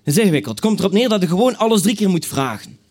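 A Flemish man from Belgium telling an animated stand-up story, acting out the people in it. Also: high-pitched, racing, breathy edge.

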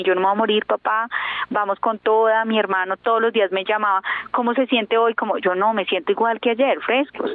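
A woman's voice: medium pitch, dry recording. A woman in her thirties, an interview guest, telling her personal story earnestly and hesitantly, with many fillers. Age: 30s. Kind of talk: emotional personal testimony. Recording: tinny phone line, dry.

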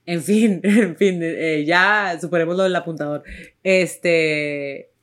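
A young woman recounts a story to her listeners in a casual, animated way. She jumps up into a higher voice when she quotes herself. Her voice sits a little low for a woman. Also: slow pace. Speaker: actress telling a story.

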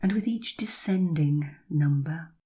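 This woman's deep, breathy voice carries a guided hypnosis session, soft and soothing. She draws out each slow phrase and leaves long silences in between.

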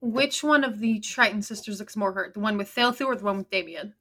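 A woman's voice: mid-range voice, brisk, fairly bright tone. A woman chatting casually as a player in a tabletop role-playing game, talking through her moves.

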